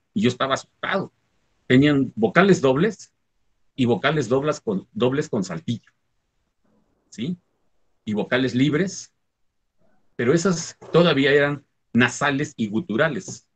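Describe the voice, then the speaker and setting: A husky-voiced Mexican Spanish-speaking man, a teacher from the Huasteca, talking through how words are said and written. His tone is explanatory and patient, and he keeps pausing to ask whether he is being followed. The voice is a plain middle pitch with a grainy, breathy edge. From Huasteca region of Mexico. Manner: explanatory, often checks understanding with "¿sí?". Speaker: Nahuatl language teacher. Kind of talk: conversational talk on language teaching.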